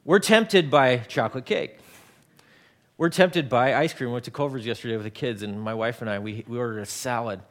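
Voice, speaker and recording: A man around forty delivers a sermon in an easygoing, conversational way. His voice sits at a middle pitch, and he often stumbles into repeated words. He works everyday stories into the preaching. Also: fairly quick. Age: 40s. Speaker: pastor.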